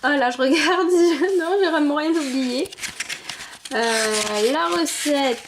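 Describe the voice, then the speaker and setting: Speaking slowly in a high, somewhat bright voice, this young woman gives relaxed unboxing commentary for her vlog. As she opens collectible figurines and sniffs them, she muses aloud with small exclamations.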